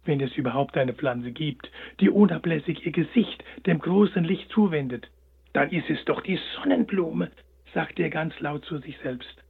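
A man narrating a storybook in a gentle, expressive way, on a tinny line. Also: a little high, moderate pace, gravelly, husky. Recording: tinny phone-like sound.

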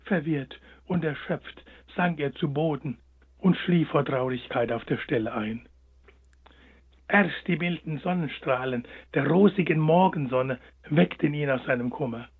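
A man narrating a storybook, gentle and expressive. His voice is high and husky. The sound is thin and phone-like. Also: unhurried.

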